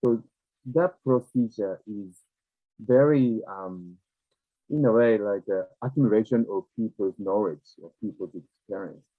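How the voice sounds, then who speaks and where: A man from Japan with a Japanese accent, a non-native speaker explaining ideas reflectively and conversationally, haltingly searching for words. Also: lowish voice. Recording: tinny, narrow phone-like, echoey room.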